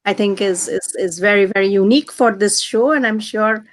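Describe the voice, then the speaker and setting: A woman hosting a discussion, speaking slowly and haltingly, often repeating words. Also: medium pitch. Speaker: host. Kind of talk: slow moderated discussion.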